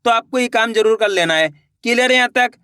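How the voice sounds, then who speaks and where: Crisp, bright-voiced slow-reading Hindi teacher. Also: medium pitch, no room sound, studio quality. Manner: drags out each word slowly, then explains quickly; asks rhetorical questions and answers them. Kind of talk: children's reading lesson.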